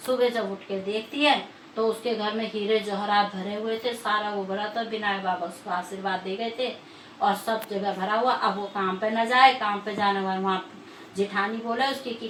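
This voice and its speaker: A woman's voice: mid-range voice, a bit bright. A woman vlogger telling a religious folk tale in a sing-song, repetitive storytelling manner, recorded from some distance in an echoey room. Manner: sing-song, repetitive folk narration with many "she said" tags. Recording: echoey room, voice far from mic, faint background noise.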